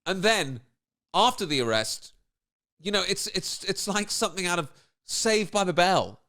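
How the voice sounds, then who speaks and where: A man's voice: sits high, lively intonation, measured pace, sharp tone. A man doing comedic commentary on a video, firing off sarcastic, incredulous rhetorical questions.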